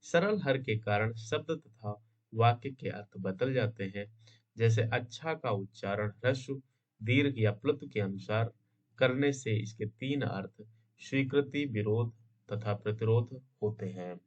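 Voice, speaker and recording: A man's voice: lowish voice, a little slow. Man teaching, quizzing his class. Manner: asks rhetorical questions and answers them; checks in with "है ना?" and "समझे?". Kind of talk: exam-prep grammar lesson. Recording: dull lo-fi sound.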